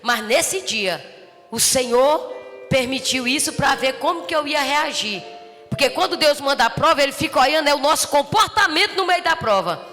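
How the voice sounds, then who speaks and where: A woman pastor with a Brazilian accent preaches in a high, bright, ringing voice, telling her story with lively energy that swells into fervent shouts. Her sermon carries through a reverberant church hall with soft music underneath. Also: normal speed. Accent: Brazilian Portuguese. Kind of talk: testimony sermon. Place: church service.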